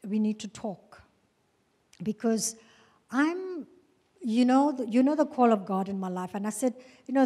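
A high-voiced woman in her sixties shares her testimony at a women's church gathering, slightly husky, her words ringing through a reverberant church hall. She tells her story with lively emotion and laughs easily. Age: 60s. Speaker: speaker at a women's church session. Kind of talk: testimony talk.

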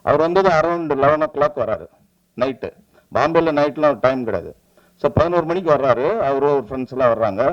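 A man, a film director giving an animated press meet speech and acting out the lines he quotes. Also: mid-range voice, moderate pace, lo-fi sound. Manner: animated storytelling, acts out quoted dialogue.

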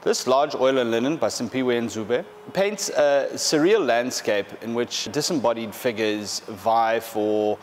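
In his thirties and working as an art specialist, this man presents paintings in a large gallery hall using a mid-range voice. He speaks measuredly to explain each work, frequently restarting and filling pauses.

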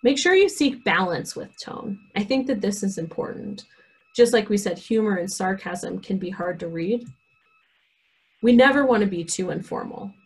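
Female instructor, slightly raspy tone, teaching a career workshop with many fillers. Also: mid-range voice, expressive, moderate pace. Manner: frequent "um" fillers, reads example emails aloud. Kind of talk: online workshop lesson.

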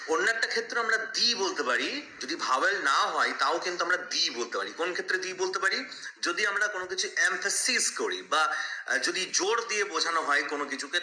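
Male English teacher, fairly high, very bright tone, slow drawn-out example words, echoey room. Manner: repeats examples slowly, drawing out English words. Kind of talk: explanatory lesson.

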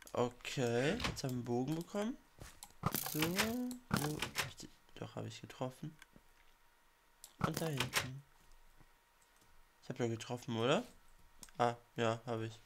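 A man with a cold talks slowly and loosely through a game session. He chats with viewers and mutters little reactions to himself as he plays, with faint background noise under his voice. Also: medium pitch. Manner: chatty, mutters reactions to himself while playing. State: has a cold. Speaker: let's play gamer. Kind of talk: casual game commentary.

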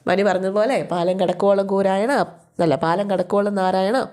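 A woman retells a serial episode in a relaxed, chatty way. She keeps slipping in sharp, scolding asides about the characters, in a voice of middling pitch. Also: normal speed. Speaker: storyteller recapping a TV serial.

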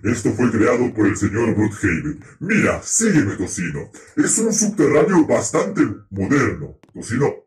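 A man's voice: mid-range voice, huge pitch swings, measured pace, hardly any pauses. A man voicing a grandiose, bossy ruler, scolding his sidekick and panicking when threatened in a game roleplay. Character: self-proclaimed boss, grandiose conqueror. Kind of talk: roleplay commentary in a video game. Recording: roomy echo, faint noise.

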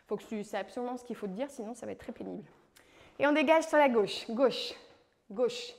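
A woman's voice: fairly high pitch, a little fast, creaky. A woman from France coaching a home leg workout, calling out moves and counting reps with playful encouragement. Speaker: fitness coach. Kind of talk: guided home workout instruction.

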